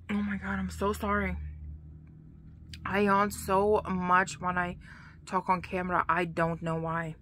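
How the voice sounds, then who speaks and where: A woman's voice: mid-range voice, sharp tone, no echo. A woman crochet vlogger chatting casually to her camera at home, rambling and sometimes dropping to a whisper. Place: home room, dim.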